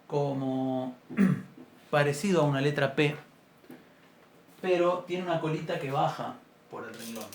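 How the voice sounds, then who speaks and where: Gravelly-voiced man teaching a class. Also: a little high. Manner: patient, explanatory, clears his throat often. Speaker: Biblical Hebrew teacher. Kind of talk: introductory language class. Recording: roomy echo, faint background noise.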